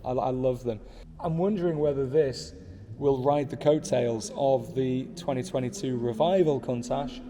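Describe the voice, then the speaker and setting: A man's voice: medium pitch, normal speed, dark tone, in a large hall, a little hiss or hum. A man in his thirties, talking casually to camera from his desk, enthusiastic and rambling with asides. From United Kingdom. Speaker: car channel host. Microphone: small pocket camera.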